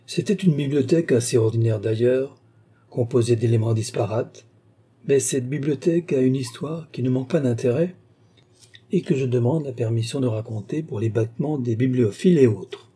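A man reading a nineteenth-century short story aloud in a measured, expressive narration. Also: mid-range voice, husky. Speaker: audiobook narrator. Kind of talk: scripted literary narration.

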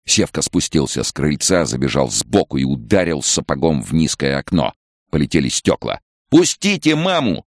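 A man narrating an audiobook in a measured, dramatic reading. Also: very deep voice, lively intonation, no room sound, clean studio sound. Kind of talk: scripted narration.

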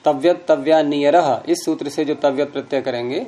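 A man's voice: on the high side, fairly quick, dark tone. A man teaching Sanskrit grammar, patiently explaining rules step by step with examples and repeating key terms.

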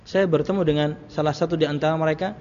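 In a muffled recording from a reverberant hall, a man preaches Islam to a congregation, fast and fairly even in intonation, his voice on the high side and a little mellow. The lecture is conversational, sprinkled with anecdotes, repeated phrases and rhetorical questions.

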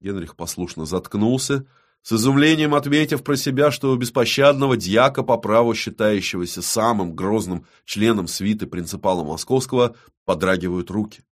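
A man narrating an audiobook in an even, measured reading. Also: lowish voice.

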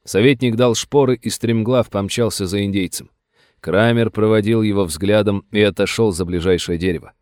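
A male audiobook narrator reading in a steady, dramatic storytelling voice. His voice is low. The recording is dry and close, with no room sound. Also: normal speed, dry recording.

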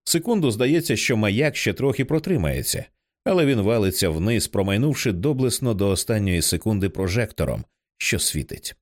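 Low-ish guy reading a thriller audiobook, really lively swooping delivery. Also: normal speed. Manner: expressive, acts out many characters. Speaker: audiobook narrator. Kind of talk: scripted narration.

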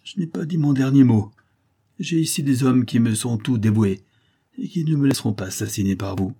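Guy reading, doing a hissy vengeful villainess, higher and venomous, kinda husky. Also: normal speed, warm tone. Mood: furious. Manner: hissing, venomous. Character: vengeful scheming woman adventuress.

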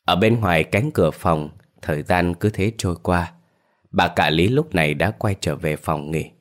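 A man narrates a scripted horror story. His voice sits low, and his reading is steady and measured.

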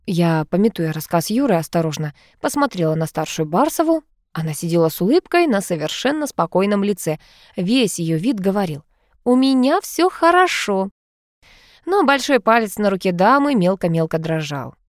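A woman narrating an audiobook in an expressive reading style on a close mic. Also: lowish voice, fairly quick, no echo.

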